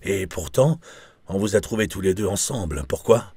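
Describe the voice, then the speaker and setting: A man reading the part of a calm, probing male French police inspector, asking measured, polite questions. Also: deep voice, slightly rough, dry recording, full character voice. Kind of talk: audiobook character reading.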